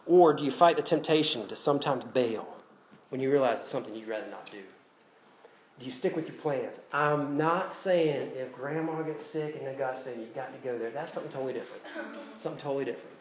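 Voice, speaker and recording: A man's voice: mid-range voice, fast talker, a little hiss or hum. A man with a Southern US accent preaching a sermon as pastor, conversational and self-deprecating, repeating his key phrases. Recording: echoey room with faint ambience.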